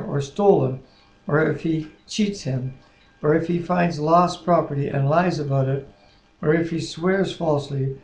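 A man in his sixties co-hosts a Bible reading series, mixing casual devotional talk with prayer and scripture. His voice sits on the high side and sounds creaky and a little mellow. He's recorded in a living room on a webcam mic at arm's length, so the audio is roomy with faint noise.

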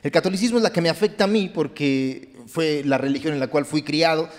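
A young Mexican man doing stand-up with a handheld mic on a theater stage, dropping to low asides and then bursting into loud mock outbursts. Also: brisk. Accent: Mexican Spanish. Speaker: stand-up comedian. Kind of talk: stand-up comedy set. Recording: theater with long reverb.

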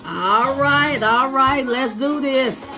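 A woman hosting a live radio podcast over her phone, greeting viewers by name with lively, repetitive excitement. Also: sits high, takes it slowly, music in the background.

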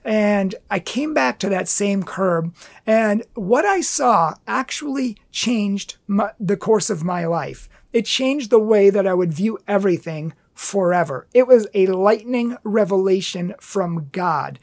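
A man's voice: high-pitched, expressive, unhurried, vocal fry. A man giving an earnest, impassioned inspirational talk, telling a personal story as a pro-life speaker.

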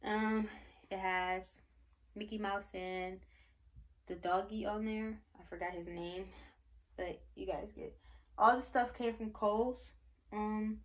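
A pregnant young woman chats casually to her camera. She gushes and rambles, filling pauses with fillers. Her voice sits at an ordinary pitch for a woman. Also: fairly even intonation. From Michigan, United States. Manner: gushing, rambling, many fillers. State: pregnant, briefly out of breath. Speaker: vlogger. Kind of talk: casual baby haul show-and-tell.

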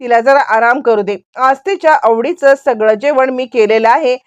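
Woman doing sugary coaxing mother-in-law, high voice, dry. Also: moderate pace, clean tone, no room sound, natural voice. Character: suddenly sweet scheming mother-in-law.

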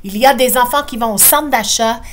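A woman's voice: on the high side, brisk, close to an everyday voice. Woman doing a whiny little girl with a Quebec accent. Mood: complaining. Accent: Quebec French. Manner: whiny, complaining. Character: frustrated little girl tired of braids.

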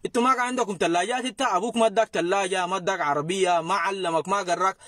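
A man's voice: high voice, racing, a bit bright, dry recording, studio quality. A man with a Sudanese accent hosting a casual commentary, mocking and sarcastic as he reacts to clips. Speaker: host reacting to videos.

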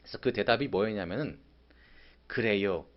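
A man preaching a sermon as pastor, acting out a prophet's angry, sarcastic complaints in sudden loud bursts. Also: mid-range voice, sing-song, moderate pace, highs cut off. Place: church sanctuary.

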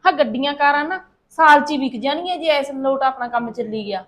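A woman's voice: high-pitched, brisk, fairly bright tone. An actress playing a thrifty middle-aged mother-in-law who scolds in a lecturing way, with a Punjabi accent. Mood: indignant. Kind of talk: short-film acting.

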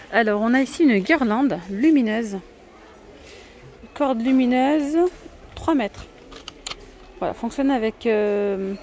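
A woman's voice: a little high, darkish tone, slight background noise. A woman vlogging in a discount store, chatty and enthusiastic, with lots of hesitations as she points out new items. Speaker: shopping vlogger. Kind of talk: casual store walkthrough. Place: inside a large discount store.

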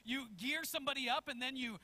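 A man's voice: extremely high pitch, fast, bright, forceful tone, full character voice. Man voicing a firm, persistent mom. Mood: indignant. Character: firm, persistent mother arguing her case.

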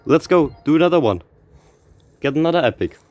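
A man giving casual, excitable commentary on opening car packs in a racing game, reading out car names and laughing often, a little out of breath. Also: a little high, fairly quick, dull audio, faint music behind. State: slightly out of breath. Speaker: gaming YouTuber.

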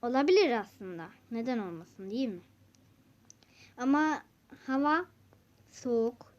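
A woman's voice: a little high, lively intonation, unhurried, darkish tone. A woman vlogger narrating a game casually and chatting directly to her viewers. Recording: dull lo-fi recording.

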